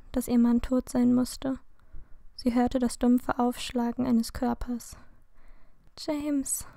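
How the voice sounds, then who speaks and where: A woman reads a fan fiction story aloud in a slow, steady narration. Her voice sits a little high but sounds mellow and warm, with very little rise and fall. The recording is close and dry, with no room sound. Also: gravelly, no echo. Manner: slow, calm, even reading. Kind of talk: scripted narration.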